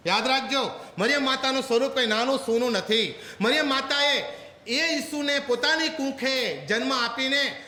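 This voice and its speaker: High-voiced, animated male preacher. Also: roomy sound, in a large hall. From Gujarat, India. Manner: rhetorical, animated storytelling. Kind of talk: sermon.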